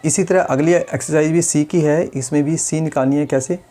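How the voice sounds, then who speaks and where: A man, a speech therapist calmly explaining exercises step by step. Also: fairly high pitch, moderate pace. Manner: patient, step-by-step, demonstrates sounds. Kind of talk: instructional demonstration.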